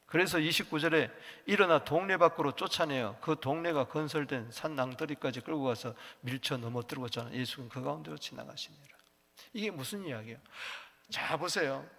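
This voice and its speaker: A middle-aged male pastor preaches with an emphatic delivery, dropping low and then rising sharply, and he calls on the congregation to repeat lines after him. His voice is gravel-edged and bright, and it sits slightly high for a man. A long church reverb trails after each phrase. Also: brisk. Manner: emphatic, has the congregation repeat lines, swings from soft to shouting. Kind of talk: sermon. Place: church sanctuary.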